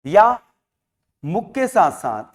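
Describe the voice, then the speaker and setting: A man's voice: sits high, big pitch swings, slow. A man teaching a lesson, repeating sounds aloud and asking questions he then answers himself. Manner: drills sounds by repetition, asks and answers own questions. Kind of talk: classroom lecture. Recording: long hall reverb.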